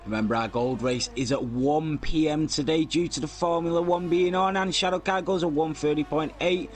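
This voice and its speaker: A man's voice: on the high side, normal speed, soft background music. A man giving casual live commentary on an online racing league, reading out lap times and chatting with viewers. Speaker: race commentator.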